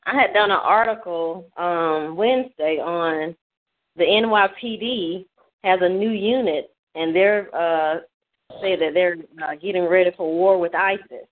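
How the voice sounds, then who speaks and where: A woman's voice: lowish voice, unhurried. A woman calling in to a phone discussion, speaking in a conversational way as she explains something. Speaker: caller. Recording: tinny phone line with faint noise.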